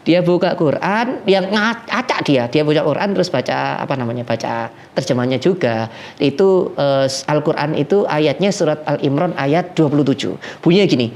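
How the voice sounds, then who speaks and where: A man's voice: on the high side, normal speed. A man preaching, telling a story and acting out the people in it. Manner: lively storyteller who acts out the people in his tale. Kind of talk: storytelling sermon.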